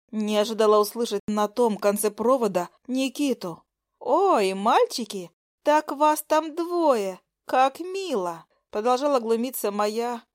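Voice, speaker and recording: Woman narrator for a first-person romance audiobook, expressive and intimate, middle pitch.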